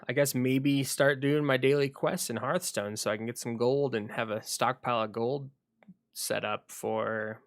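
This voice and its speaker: A man chatting casually on a solo livestream, rambling and thinking aloud with frequent pauses, at home at his computer. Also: mid-range voice, no room sound, studio quality.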